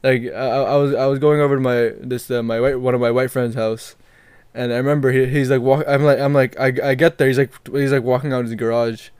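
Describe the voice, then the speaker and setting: A man's voice: mid-range voice, steady tone, a little fast, a little mellow, clean tone, dry recording, studio quality. A young adult man in casual chat, using street slang with lots of bro, dude and dog. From outside Canada, moved there as a child.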